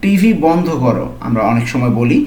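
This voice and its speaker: A man teaching a language lesson, slowly repeating each phrase word by word. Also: medium pitch, animated, a little mellow, a little hiss or hum. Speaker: language tutor. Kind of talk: lesson narration. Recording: echoey room.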